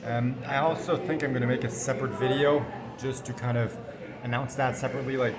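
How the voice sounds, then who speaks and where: A man's voice: mid-range voice, fairly even intonation, brisk. A man talking casually to camera in a rambling, self-deprecating, matter-of-fact way, recording indoors in a hospital corner. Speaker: vlogger documenting cancer treatment. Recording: public indoor space, background chatter.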